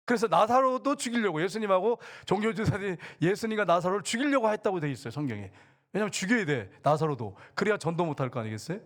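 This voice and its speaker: A man preaching a sermon as a church pastor, animated, with loud exclamations and quiet asides. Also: high voice, quick pace. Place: church sanctuary.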